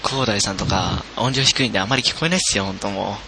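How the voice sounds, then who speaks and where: A man's voice: lowish voice, quick pace, vocal fry, very noisy. A man hosting a casual group chat on a voice call, speaking into a headset. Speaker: host of a recorded chat. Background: music.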